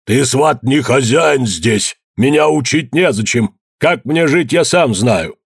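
A man voicing a rich, stingy male peasant who answers curtly and shouts in fury, in a raised, husky voice. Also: mid-range voice, expressive, takes it slowly, dry recording, clean studio sound, heavily acted. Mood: furious. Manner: curt, shouting.

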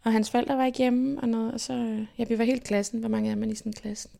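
A young woman from Denmark, telling stories from her life as an interview guest in a lively way and acting out what people said. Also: on the high side, creaky. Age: young adult. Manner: lively, animated retelling with quoted inner speech. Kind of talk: casual personal storytelling.

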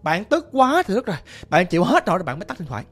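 A man in a Southern Vietnamese accent telling a ghost story in a chatty, animated way, talking straight to his listeners. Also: high voice, quick pace, soft background music.

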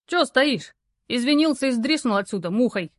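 A woman reading as a gruff burly male courier. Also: fairly high pitch, lively intonation, normal speed, no room sound, clean studio sound, voice pushed up. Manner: curt, rough, slangy.

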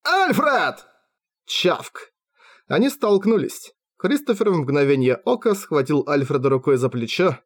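A man narrating a fantasy audiobook with a voice set a little higher than most men's. He tells the first-person story with lively energy, recorded close to the mic. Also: normal speed, hardly any pauses. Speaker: audiobook reader.

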